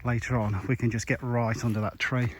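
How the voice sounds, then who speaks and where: A chatty man hosts a casual travel vlog, narrating to the camera in an easygoing, jokey way. His voice sits at an ordinary middle pitch. He is recorded outdoors, with steady background noise clearly audible. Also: brisk. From England. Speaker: vlog host. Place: outdoors at a campsite and on walks.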